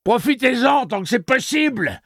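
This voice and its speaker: A man's voice: extremely high pitch, very animated, normal speed, vocal fry, no echo, studio quality, pitched above the performer's own voice, heavily acted. Man shrieking as a vicious screaming woman. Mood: taunting. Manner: shrieking, taunting, crude.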